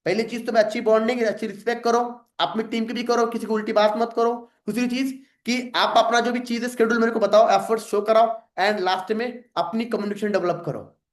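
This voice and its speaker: A man with a high voice coaches his sales team in a direct, lecturing way. He often acts out sample phone calls to show how it is done. The room around him is echoey. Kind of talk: informal coaching talk to a team.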